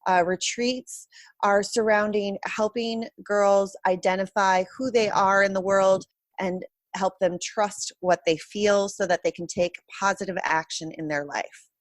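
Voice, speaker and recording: A woman's voice: medium pitch, fairly even intonation, unhurried, dry recording. A woman answering interview questions as a guest in a candid, reflective conversational way. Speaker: interview guest, self-confidence coach.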